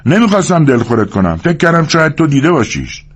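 A man's voice: on the high side, sing-song, husky, highs cut off, voice pushed up. A man voicing a hot-tempered, bullying young man who threatens and picks fights. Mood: defensive. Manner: aggressive, threatening.

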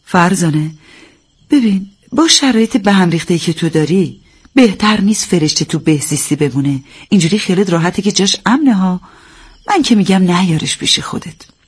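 Brief: woman voicing a firm, level-headed friend, slightly breathy, talking someone down calmly. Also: fairly low pitch. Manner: level, reasoning, steadying. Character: calm, firm female friend giving advice.

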